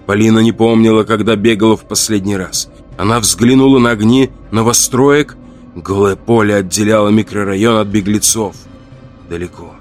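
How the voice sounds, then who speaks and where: A man narrates a horror audiobook in a low voice with measured, dramatic pacing. Faint music plays underneath his reading. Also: fairly even intonation, darkish tone.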